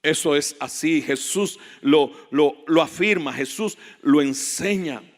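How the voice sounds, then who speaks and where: A man preaching a fervent sermon as a guest pastor, rising to loud emphatic peaks. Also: a little high, takes it slowly. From Latin America. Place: church hall. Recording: echoey church hall reverb.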